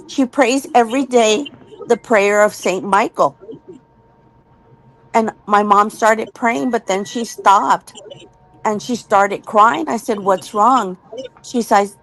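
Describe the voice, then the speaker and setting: A woman's voice: a little high, a bit bright, poor audio. A woman telling a personal ghost story in an earnest, casual way, repeating words when she gets tense.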